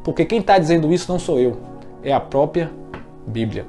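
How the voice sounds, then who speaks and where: Earnest Brazilian man, testimony, soft music. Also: a little high, expressive, fairly quick. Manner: earnest, emotional storytelling with repeated words. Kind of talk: personal testimony talk.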